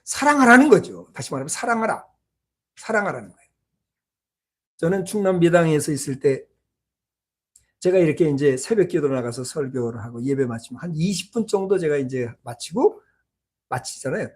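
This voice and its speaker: A pastor preaching a sermon in a small church, telling a personal story and swinging between loud exclamations and hushed asides. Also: medium pitch, lively intonation, moderate pace, long pauses, slightly rough.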